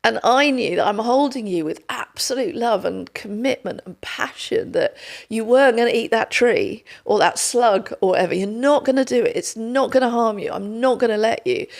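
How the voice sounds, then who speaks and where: A woman's voice: a little high, creaky. A middle-aged woman, hosting a podcast in casual conversation, telling stories tenderly and acting out what people say. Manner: tender, storytelling, acts out quotes. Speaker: podcast host.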